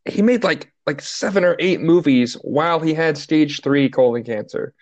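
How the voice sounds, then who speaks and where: A man's voice: a little high, normal speed, no echo, highs cut off. A man co-hosting a podcast, rambling through stories with lots of fillers. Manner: rambling, filler-heavy storytelling. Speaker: podcast co-host. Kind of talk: casual chat.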